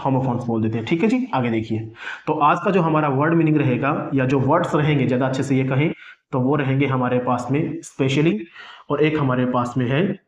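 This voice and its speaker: A man with a Hindi accent teaching an English lesson, who asks questions and answers them himself. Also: fairly high pitch. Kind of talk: classroom lesson. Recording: echoey, dull lo-fi room sound.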